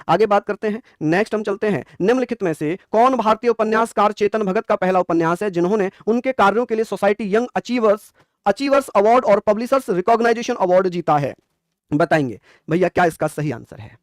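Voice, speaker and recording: A man's voice: sits high, fast, no room sound, clean studio sound. A man teaching an exam quiz class, coaxing answers and praising often.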